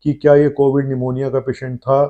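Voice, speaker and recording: Measured middle-aged male doctor, dull audio. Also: medium pitch, flat delivery, dark tone. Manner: measured, thinking aloud with frequent "uh" pauses. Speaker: doctor hosting his own health channel. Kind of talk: talking to camera, explaining a case. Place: indoor clinic room. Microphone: lapel mic, seated facing the camera.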